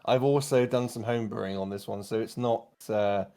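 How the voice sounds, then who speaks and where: A man's voice: lowish voice, fairly even intonation, brisk, dark tone. A man narrating a tabletop game as game master, descriptive and a little hesitant.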